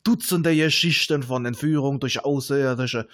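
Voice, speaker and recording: A man reading a story aloud to friends, with lively joking asides. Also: mid-range voice, normal speed. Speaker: reader.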